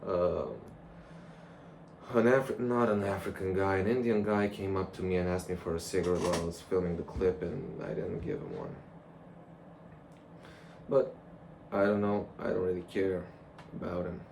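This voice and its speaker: A man's voice: sits low, lively intonation, moderate pace, a little mellow, poor audio. A young man rambling casually and reflectively to a camera, in a loose conversational monologue. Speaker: vlogger. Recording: clear background noise.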